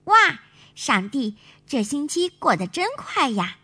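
A woman's voice: high-pitched, big pitch swings, normal speed, pushed and bright, pitched above the performer's own voice, heavily acted. A woman voicing a curious, proud little girl bear in a children's storybook, with an eager, exclaiming way of talking.

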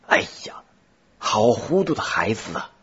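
Man reading a fatherly lord, urgent, husky, dull lo-fi audio. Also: lowish voice, very animated, a little slow, a bit bright, whispered, voice pushed up, exaggerated voice. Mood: dismayed. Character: anxious noble lord, fatherly and excitable.

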